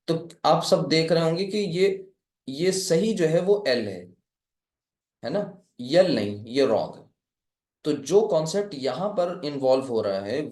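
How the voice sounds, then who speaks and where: A man's voice: on the high side, darkish tone, reverberant. A man from India teaching a live Arabic class, patiently explaining step by step and quizzing his students.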